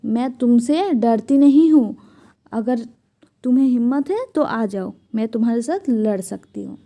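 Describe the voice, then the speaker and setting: A woman's voice: fairly high pitch, animated, a little slow, warm tone. A woman voicing a cheeky, boastful female fly who taunts a lion in a storybook reading. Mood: taunting. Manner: taunting, sometimes whispered.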